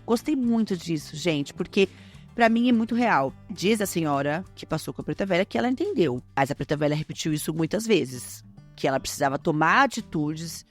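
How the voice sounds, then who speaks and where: A woman with a Brazilian Portuguese accent talks to her listeners in a casual podcast monologue. Her voice sits fairly low, her manner is chatty and lively, and faint music plays underneath. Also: brisk. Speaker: podcast host.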